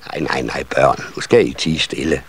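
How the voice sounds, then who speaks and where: A man reading a children's story and voicing a calm, motherly female elf who soothes and gently scolds. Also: sits low, husky, no echo. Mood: soothing.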